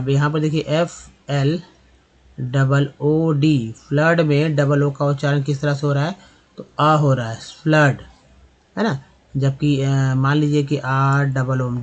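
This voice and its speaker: A man giving a spoken lesson on reading English, explaining slowly with many fillers and repetitions. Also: a little high, darkish tone. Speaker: English teacher.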